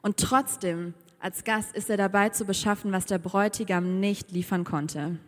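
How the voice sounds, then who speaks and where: A woman's voice: mid-range voice, steady tone, moderate pace. Woman preacher, chatty humorous sermon, long church reverb. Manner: conversational and humorous, with rhetorical questions.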